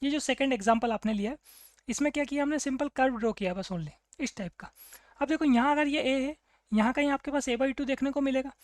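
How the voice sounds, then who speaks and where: A woman's voice: sits high, a little fast, a little mellow, no echo. A woman teaching a math problem, asking the class questions and answering them herself. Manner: asks and answers her own questions, "clear?" checks. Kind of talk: explaining a math problem on a board.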